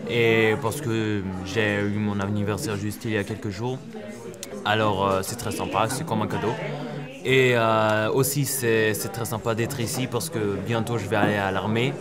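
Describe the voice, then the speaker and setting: A young man from Israel, tired, introducing himself in halting French while searching for words. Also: fairly low pitch, flat delivery, over loud music. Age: young adult. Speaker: student visitor. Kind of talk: casual self-introduction to camera.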